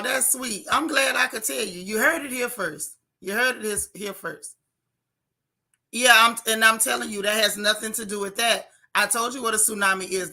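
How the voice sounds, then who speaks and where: A woman with a raspy, wheezy voice hosting a casual livestream news update, talking emphatically to viewers and repeating phrases for stress. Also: mid-range voice, pushed and bright. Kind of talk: casual livestream talk, answering viewer comments.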